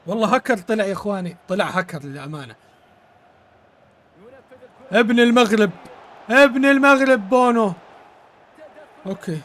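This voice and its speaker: A man with a very high voice calls a football video game live for his stream. He bursts into repeated exclamations and keeps thanking his viewers between plays. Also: normal speed, pauses often, a bit bright. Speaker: gaming streamer. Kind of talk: excited live game commentary.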